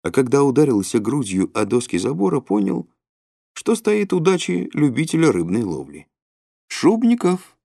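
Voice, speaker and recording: A man narrating a literary audiobook in an expressive way, with sudden rises and drops. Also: medium pitch, moderate pace, gravelly, no room sound, clean studio sound. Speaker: audiobook reader.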